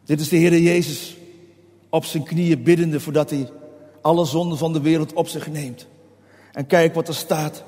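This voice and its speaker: A man's voice: fairly high pitch, steady tone, moderate pace, dark tone. A man preaching a sermon, passionate, who voices prayers in a raised, pleading tone. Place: hall. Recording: long hall reverb.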